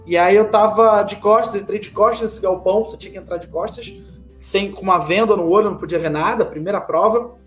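A man's voice: high voice, quick pace, a bit bright, reverberant. Man, storyteller type, acts out quotes, faint background music. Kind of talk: animated anecdote telling.

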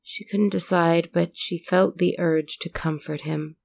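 Low gravelly lady reading a story, slow and deliberate. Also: steady tone, darkish tone, no room sound. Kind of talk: scripted story narration.

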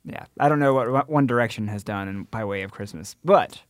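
A man's voice: lowish voice, brisk, no room sound. Chatty man co-hosting, dry mic. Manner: chatty, laughs often. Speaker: podcast co-host. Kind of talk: casual chat.

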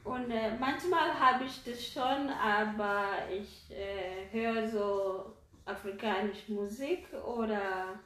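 Slow-talking woman from Kenya, hesitant. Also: medium pitch, fairly bright tone, reverberant, rough recording. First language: not German. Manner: hesitant, many fillers and tag questions. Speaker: interviewee. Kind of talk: conversational interview.

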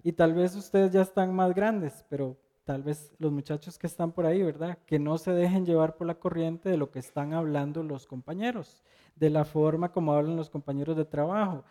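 A man's voice: on the high side, moderate pace, dark tone. A middle-aged man preaching a sermon, telling a personal anecdote in a conversational storytelling way with rhetorical questions.

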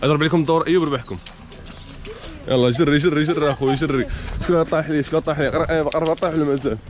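A young man with a Moroccan accent hosting a challenge game, urging the players on with rapid repeated calls and frequent laughter. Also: a little high, steady tone. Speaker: host running a challenge game. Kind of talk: energetic game commentary.

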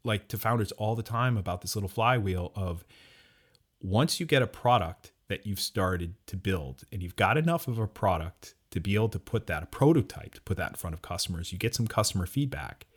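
A man's voice: on the low side, expressive, fairly quick, slightly rough. A man co-hosting a podcast, talking casually and reflectively, rambling a little with restarts. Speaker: podcast co-host. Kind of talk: casual chat.

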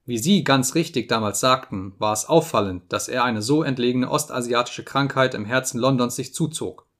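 A man reading an audiobook, voicing a cruel, mocking visitor who taunts a sick man in a sharp tone. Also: medium pitch, normal speed, natural voice. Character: sneering sinister male visitor, mocking and cruel.

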